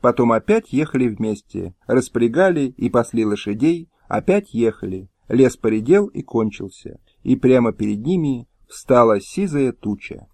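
A man reading a historical audiobook in measured storytelling narration, recorded at home on a close mic. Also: medium pitch, animated, darkish tone, dry recording. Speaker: audiobook reader. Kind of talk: scripted narration. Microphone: close, dry home recording.

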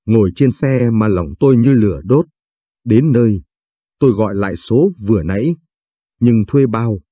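Low, husky male storyteller. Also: normal speed, mellow, no echo. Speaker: narrator. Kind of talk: first-person audio story narration.

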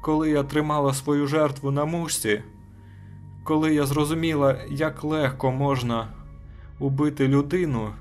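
A man voicing a weary young woman who speaks quietly and flatly, resigned to her fate, in an audiobook reading. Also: a little high, normal speed, faint music behind, voice pushed up, close to an everyday voice.

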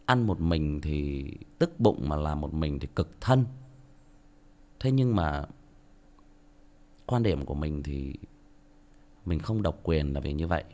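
Blunt Northern Vietnamese man, lively pitch. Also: slow pace, long pauses. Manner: blunt, outspoken, self-mocking. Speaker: audiobook narrator. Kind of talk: casual monologue to listeners.

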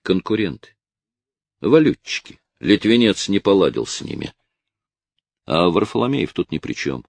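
A man's voice: low voice, very animated, moderate pace, vocal fry, long pauses, dry recording, pitched above the performer's own voice, full character voice. A man doing a stern tired policeman. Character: stern weary male police officer, calm and firm.

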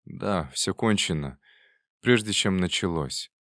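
A heartsick man in love, read by a male narrator in a storybook reading. His voice is low and pleading. The sound is dry and close. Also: expressive, slow, a bit bright, dry recording, heavily acted.

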